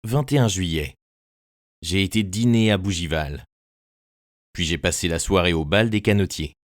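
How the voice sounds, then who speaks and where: A man narrating a first-person literary tale for an audiobook, measured and immersive. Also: low-pitched, no echo, studio quality.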